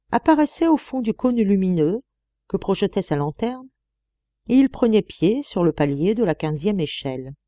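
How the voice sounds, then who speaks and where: A woman reading a classic novel aloud as an audiobook, with expressive, dramatic storytelling. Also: lowish voice, no echo. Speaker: audiobook reader.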